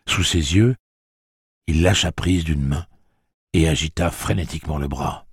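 Deep husky male audiobook narrator. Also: a little slow, no room sound, studio quality. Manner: expressive dramatic reading. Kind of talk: scripted narration.

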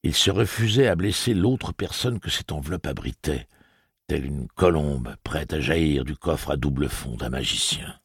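Deep gravelly guy reading an audiobook, husky, really animated delivery. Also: moderate pace, dry recording, clean studio sound. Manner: expressive, dramatic reading. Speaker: audiobook narrator. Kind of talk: scripted narration.

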